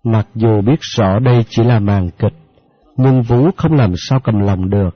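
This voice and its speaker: Steady male audiobook narrator. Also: fairly low pitch, no echo. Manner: steady, measured storytelling. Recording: dry, dull lo-fi audio with faint music.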